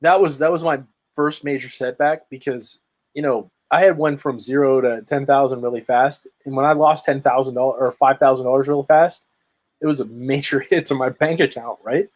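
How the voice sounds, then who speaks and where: A podcast guest and marketer rambles through a story during an informal video-call conversation, repeatedly tagging sentences with "right?". He holds a medium pitch, a steady tone, and a moderate pace.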